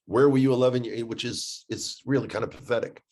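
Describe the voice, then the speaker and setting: The guest, an American tour guide residing in Israel, talks at a quick pace in a medium-pitched, darkish voice with fairly even intonation. His stories come out casual and conversational, punctuated by emphasis and repeated phrases.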